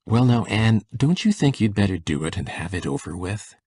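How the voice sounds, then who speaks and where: An actor playing a shy, kindly older farm man who talks in a halting, hushed, rustic way in a dramatised storybook reading. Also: fairly low pitch, lively intonation, breathy edge, no echo. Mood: hushed coaxing. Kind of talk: dramatised audiobook acting.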